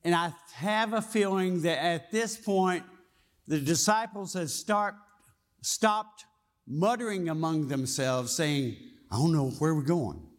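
Male pastor, fairly high voice, slow folksy sermon delivery. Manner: folksy storytelling, asks the congregation questions.

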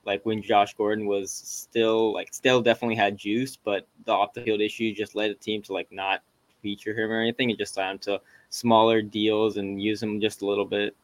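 A man's voice: fairly low pitch, little pitch movement, brisk, no room sound. A man co-hosting a podcast, talking sports in a casual, conversational way. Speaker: podcast co-host.

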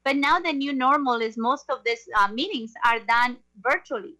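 High, bright-voiced woman hosting. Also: moderate pace. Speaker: show host. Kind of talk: interview hosting.

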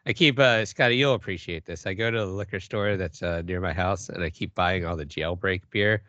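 A man's voice: deep voice, fairly quick, a bit bright, dry recording, muffled recording. A man co-hosting a podcast in casual, joking chat with friends. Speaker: podcast co-host.

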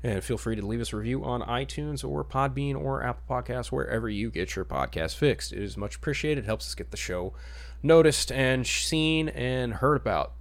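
A podcast host chats casually about superhero films in a conversational style. He has a mid-range voice and sounds animated at a normal speed.

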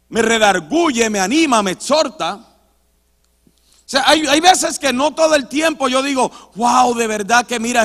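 A man, a pastor, preaching a sermon with personal testimony in a church, emphatic and shifting between loud and hushed delivery. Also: very high voice. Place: church sanctuary. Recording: reverberant church hall.

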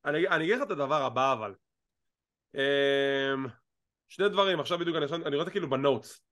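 A man with a high, light voice, co-hosting a wrestling chat show. He talks in an animated, teasing way and drops English phrases in along the way. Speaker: wrestling podcast co-host. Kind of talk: casual chat.

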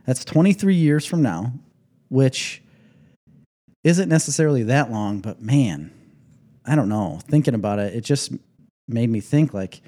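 A man's voice: medium pitch, lively intonation, measured pace, long pauses, mellow. A man in his forties hosting a casual podcast chat, joking and rambling. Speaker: podcast host. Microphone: headset.

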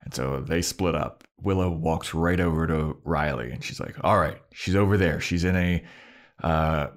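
A man casually recapping a TV episode with a co-host, swearing and acting out the characters' lines. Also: a bass voice. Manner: laid-back, swears, acts out characters' lines in quick voices. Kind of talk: casual chat.

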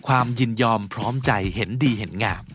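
A man's voice: medium pitch, fairly quick, fairly bright tone, faint music behind. A man hosting a podcast vocabulary lesson, explaining words patiently and spelling them out letter by letter. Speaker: podcast host teaching English vocabulary.

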